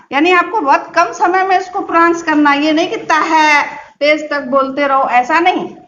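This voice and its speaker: A woman teacher giving a reading lesson, speaking slowly and patiently, repeating words syllable by syllable. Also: sits high, sharp tone. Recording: dull, echoey room.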